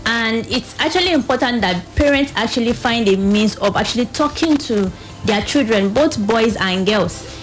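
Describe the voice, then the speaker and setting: Over soft background music and poor audio, a woman with a Nigerian accent talks at a moderate pace in a fairly high, animated voice. As a radio panel guest from a youth reproductive health organisation, she earnestly explains, often voicing the questions others might ask.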